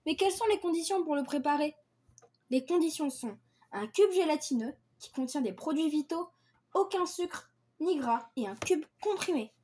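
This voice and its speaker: A woman's voice: high voice, expressive, normal speed, dark tone. A woman presenting a list of dishes in a read-aloud style, repeating the same set phrases and stumbling now and then. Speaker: video creator presenting invented dishes.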